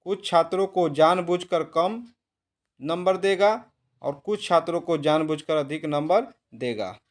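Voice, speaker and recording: A man reading multiple-choice exam questions with their options and answers in a steady, measured way. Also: sits high. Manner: steady, measured reading, slows down when giving the correct answer. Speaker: quiz presenter for teacher exam prep.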